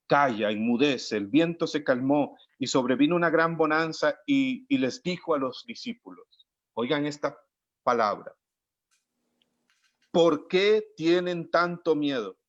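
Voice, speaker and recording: A man preaching a sermon in an earnest way, slowing down to stress key words and acting out the lines he quotes. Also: mid-range voice. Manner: acts out the quoted lines of the scripture. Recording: dry, dull lo-fi audio.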